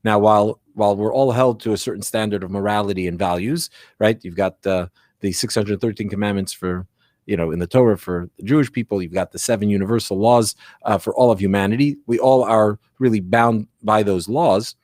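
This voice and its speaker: A man's voice: fairly low pitch, a little fast, darkish tone, no room sound, studio quality. A man speaking as a rabbi, explaining religious teaching conversationally and reflectively, often posing questions and checking in with the listener. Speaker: rabbi giving religious guidance.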